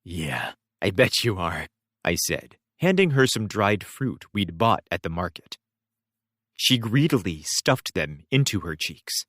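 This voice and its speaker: Male first-person narrator, wry and expressive; animated delivery, dry. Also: low-pitched, measured pace, no echo. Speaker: audiobook reader.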